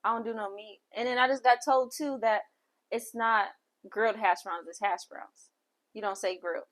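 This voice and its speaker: A soft-spoken young woman chatting casually as a podcast guest, laughing often. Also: mid-range voice, steady tone, normal speed. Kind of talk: casual chat.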